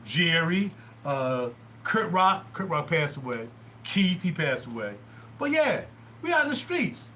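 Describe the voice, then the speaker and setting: Animated older man telling stories. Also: fairly high pitch, measured pace, slight background noise. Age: 60s. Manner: rambling, animated, digressive. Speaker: livestream host. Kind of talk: casual storytelling. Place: small bathroom at home.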